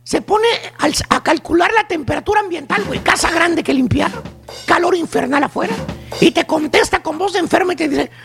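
A man with a Mexican accent rattles off a teasing comedy bit, his voice pitched extremely high and full of gravelly fry. He mocks as he goes, tagging almost every line with "güey". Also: a little fast, fairly bright tone, soft background music. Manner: mocking, teasing, peppers lines with "güey". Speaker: comedy segment performer on a morning radio show. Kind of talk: comic monologue with mocking quoted voices.

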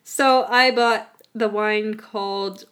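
A woman hosting a podcast from home in casual chat, blunt, bossy and quick to swear. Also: medium pitch, fairly even intonation, fairly bright tone. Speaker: podcast host.

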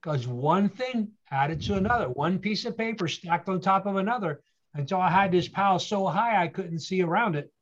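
A man's voice: sits high, lively intonation, normal speed, lo-fi sound. A man telling his story with earnest motivational emphasis. He asks rhetorical questions and repeats key phrases. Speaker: guest speaker.

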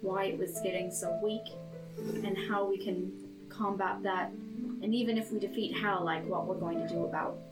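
A woman's voice: medium pitch, fairly even intonation, moderate pace, poor audio. A woman chatting casually as a player in a tabletop role-playing game. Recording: plucked guitar music behind.

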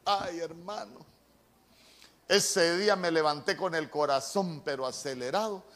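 A middle-aged pastor with a Honduran Spanish accent preaches a sermon, recounting a personal story earnestly while frequently stumbling and repeating words. His voice sits on the high side, fairly bright, and a little slow.

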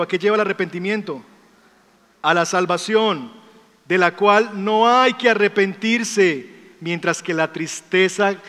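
A man preaching a sermon as pastor, emphatic, asking rhetorical questions and dropping to a softer storytelling voice. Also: high voice. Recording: long hall reverb.

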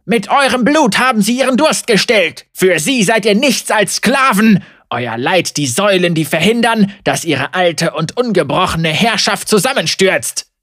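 A man voicing a young, ragged male heretic preacher who accuses and rails loudly at a crowd. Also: high-pitched, takes it slowly, gravelly, few pauses, no room sound, clean studio sound, pitched above the performer's own voice, exaggerated voice. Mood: fervent. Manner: impassioned, accusing, loud preaching. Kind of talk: audiobook character voice.

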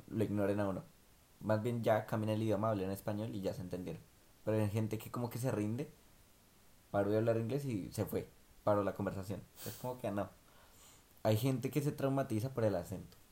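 A young man chats casually, drifting through his points with plenty of fillers. His voice sits low and sounds soft and mellow, never sharp. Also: brisk. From Colombia. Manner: relaxed, rambling with many fillers. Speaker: vlog co-host. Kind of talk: casual chat.

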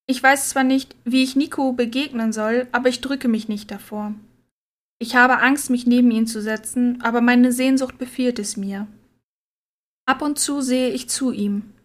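A woman narrating a story in a quiet, subdued reading voice. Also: fairly high pitch. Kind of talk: scripted audiobook narration.

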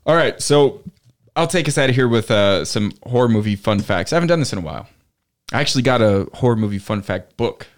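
A man's voice: medium pitch, animated, fairly quick. A man hosting a podcast in casual chat, presenting trivia and games to his co-hosts. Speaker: podcast host.

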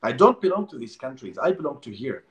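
Impassioned Palestinian man, lively pitch. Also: quick pace. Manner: impassioned, emphatic, repeats words when pressing a point. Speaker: interviewee, Palestinian activist. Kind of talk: remote interview.

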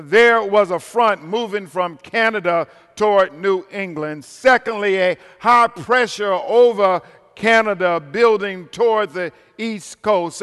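Older American preacher in a reverberant hall. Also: male voice, high-pitched, fairly bright tone, clear, resonant tone. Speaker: guest preacher at a Sunday worship service. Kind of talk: sermon. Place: large indoor worship space.

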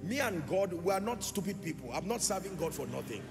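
Very animated and fairly quick, a male pastor preaches a sermon in a big church hall with a high voice that has a gravelly edge. He rises into sing-song phrasing, bursts abruptly louder, and fires questions back at the congregation, while clear music plays beneath and long reverb follows every line.

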